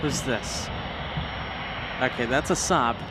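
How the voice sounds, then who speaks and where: A man's voice: medium pitch, slow pace. A man hosting a casual plane-spotting livestream, chatting and exclaiming as he comments and reads viewer messages aloud. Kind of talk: casual live commentary and chat. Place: outdoors by an airport. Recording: outdoor airport noise, aircraft and vehicles. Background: aircraft and vehicle noise.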